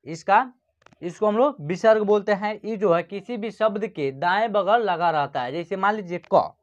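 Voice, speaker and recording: A man teaches an online Hindi lesson for beginners. He keeps checking that his learners are following and stretches out each sound as he spells it. The recording is slightly muffled and lo-fi. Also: high-pitched. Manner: repeats checking phrases, slows to spell out sounds. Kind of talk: online lesson, explaining at a board.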